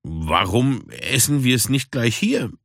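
A man's voice: medium pitch, very animated, slow pace, creaky, a bit bright, no echo, clean studio sound, full character voice. A man voicing a blunt, curt young female street cat in a storybook reading.

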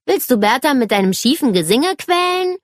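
A cocky, mocking boy who teases his little sister, his voice raised above her usual pitch, as a woman storyteller puts him on. It comes from a children's storybook reading, dry and close to the mic. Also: very animated, moderate pace, no echo. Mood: teasing. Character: teasing older brother David, a boy.

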